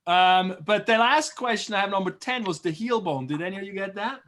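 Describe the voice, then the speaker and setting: A man from Switzerland teaching a biology review class over a video call, chatty and encouraging, slowly repeating terms. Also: sits high, a bit bright.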